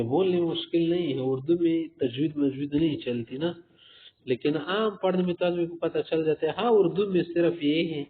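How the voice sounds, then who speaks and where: A man teaching a tajweed lesson, explaining letter errors with spoken examples and addressing listeners as respected sirs. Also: a little high. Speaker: Quran recitation teacher. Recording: tinny phone-like recording.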